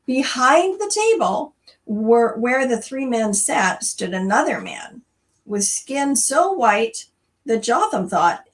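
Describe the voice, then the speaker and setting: Her voice leans high and the mic sits far from her. A middle-aged woman hosting church storytime, she speaks informally and reads aloud in an expressive, conversational way directly to her audience.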